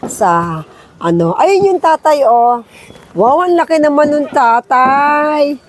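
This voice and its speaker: A high-voiced woman with a Filipino accent talks casually for her vlog. She coos in sing-song baby talk, repeating words over and over, and laughs often. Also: expressive, takes it slowly. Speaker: vlogger.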